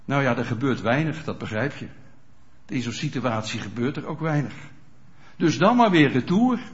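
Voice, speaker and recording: A man's voice: mid-range voice, animated, normal speed. A man preaching a sermon in a conversational way, often checking whether listeners are following, in a dull lo-fi recording. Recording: dull lo-fi sound.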